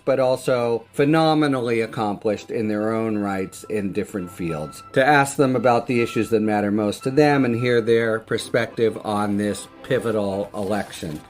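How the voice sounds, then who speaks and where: A man with a mid-range voice hosts a political roundtable podcast. His phrasing is measured and formal. Faint music sits under his words. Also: mid-range voice. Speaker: podcast host. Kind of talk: scripted introduction, then interview questions.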